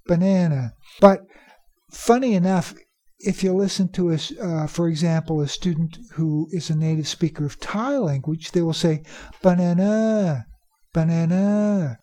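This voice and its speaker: A native English speaker teaching teachers about pronunciation, repeating key phrases for emphasis and slowing down to demonstrate. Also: medium pitch, dark tone. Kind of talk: instructional talk.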